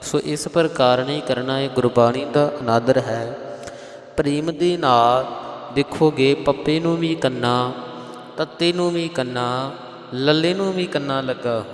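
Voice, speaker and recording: A man with a Punjabi accent teaching scripture pronunciation. He chants verses slowly and then explains them plainly. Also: mid-range voice, roomy sound, big-room sound. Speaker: Sikh scripture recitation teacher. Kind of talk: slow scripture pronunciation lesson with chanted lines.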